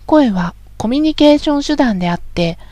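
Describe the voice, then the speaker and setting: A woman instructor talks through a voice lesson in a calm, polite, measured way. Her voice sits fairly high and is recorded dry and close, with no room sound. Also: dry recording. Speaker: voice training instructor. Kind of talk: scripted voice lesson narration.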